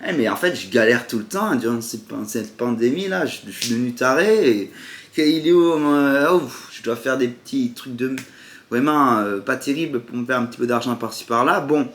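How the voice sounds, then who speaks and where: A man's voice: medium pitch, moderate pace, fairly bright tone, reverberant, slight background noise. A man from the south of France with a southern French accent, rambling sarcastically in a casual monologue to camera. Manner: sarcastic, rambling, jumps into mock voices. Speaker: vlogger.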